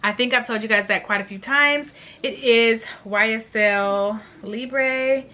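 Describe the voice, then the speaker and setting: A woman's voice: fairly high pitch, unhurried, bright, forceful tone. A woman in her late twenties chatting casually and gushing in slangy terms while reviewing perfumes for her vlog. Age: late 20s. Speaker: beauty vlogger.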